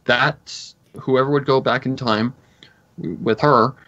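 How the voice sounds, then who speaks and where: A man's voice: medium pitch, fairly even intonation, slow pace, sharp tone, dry recording. A man chatting casually in commentary, explaining plot details at length. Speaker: co-host reviewing a cartoon episode. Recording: dull lo-fi recording.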